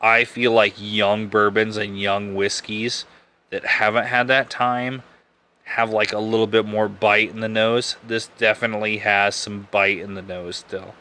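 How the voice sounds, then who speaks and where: A young man talks casually as a podcast host, rambling and backtracking in a relaxed way. His voice sits a little low, but it has a bright, forceful edge and a smooth, crisp clarity. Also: a little slow. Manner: rambling, laid-back, self-correcting. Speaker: podcast host reviewing bourbon. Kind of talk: casual live-stream chat.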